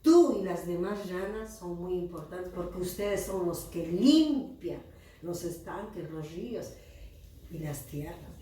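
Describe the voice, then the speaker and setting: A loving, reassuring God in a children's storybook, spoken slowly and tenderly by a woman. The voice sits in a middle register and carries a strong room echo from a distance. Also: fairly low pitch, dark tone, a little hiss or hum. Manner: slow, tender, emphatic. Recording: echoey room, voice from far off.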